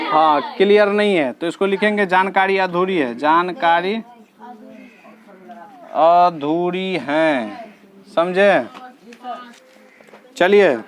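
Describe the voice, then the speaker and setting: Slow-talking teacher. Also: male voice, high voice, a bit bright. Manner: slow, patient, addresses students directly, repeats answers. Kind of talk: classroom lesson explaining reasoning questions. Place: classroom with students.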